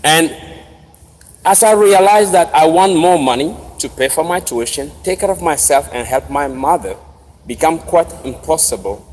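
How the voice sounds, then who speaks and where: A man's voice: a little high, lively intonation, darkish tone. Togolese-accented man addressing a reverberant hall. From Togo. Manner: deliberate, in short separated phrases. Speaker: commencement speaker. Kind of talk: formal speech with personal storytelling. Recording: noisy, reverberant large hall ambience.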